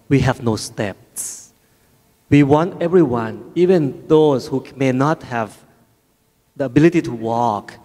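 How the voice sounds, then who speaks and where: A middle-aged man answers as a panelist on a conference stage, holding a handheld mic. His voice is mid-pitched and measured, with a long reverb from the hall around it. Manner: measured and earnest, with occasional fillers. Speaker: panelist, research center head.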